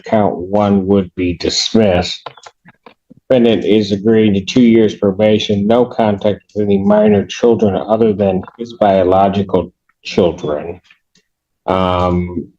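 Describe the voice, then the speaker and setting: A man serving as judge, speaking in a measured, formal way through court proceedings, heard in a courtroom recording. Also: low-pitched, darkish tone. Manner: measured, formal, reads plea terms aloud. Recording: muffled courtroom recording with faint clicks.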